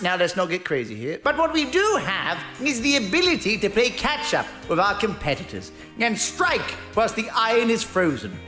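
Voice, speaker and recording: A man's voice: high-pitched, pushed and bright, full character voice. Man playing a smug greedy company presenter, mock-solemn, sarcastic, echoey, faint music. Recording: roomy echo with background music.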